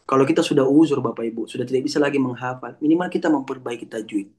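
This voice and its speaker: A man's voice: mid-range voice, rapid-fire, mellow. A man teaching as an Islamic lecturer over an online call, explaining patiently, reciting Arabic verses and restarting words. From Palembang. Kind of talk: religious lecture answering a question.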